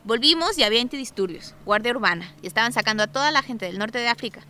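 Her voice high-pitched, expressive, pushed and bright, and her pace quick, a woman tells her own story of a squat and eviction as an artist resident. The tone is clean, and the telling is conversational personal testimony.

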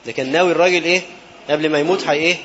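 A man's voice: fairly high pitch, steady tone, very fast, a bit bright. An Egyptian man preaching a sermon, telling a story and throwing rhetorical fill-in questions at his listeners. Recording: dull lo-fi recording with faint background noise.

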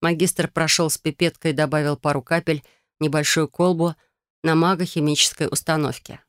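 An audiobook narrator reading a first-person story in an even, measured way, close to the mic. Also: mid-range voice, clean tone, dry recording.

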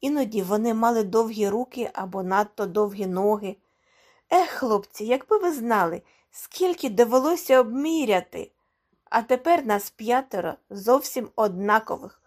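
A woman voicing an eager, bossy young man who leads his friends, speaking loud, pushy and excited. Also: on the high side, moderate pace.

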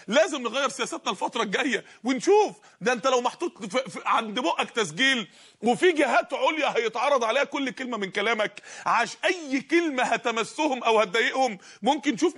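Fast, high, impassioned Egyptian preacher. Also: male voice, bright, forceful tone, husky. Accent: Egyptian Arabic. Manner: impassioned, rapid-fire rhetorical questions. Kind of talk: sermon.

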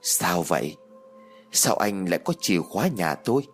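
A man voicing a blunt, hot-tempered young woman in an audio story, with a husky tone. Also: deep voice, very animated, moderate pace, soft background music, full character voice. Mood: irritated.

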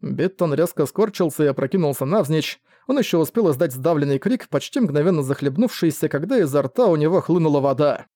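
A man narrating an audiobook in a measured, even storytelling manner. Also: fairly high pitch, no room sound, studio quality. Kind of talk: scripted narration.

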